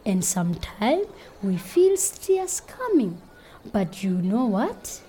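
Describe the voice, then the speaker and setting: A woman's voice: mid-range voice, very animated, takes it slowly, mellow, a little hiss or hum, low-quality recording. A woman teaching a group of children, speaking in an encouraging, sing-song way. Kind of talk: children's lesson.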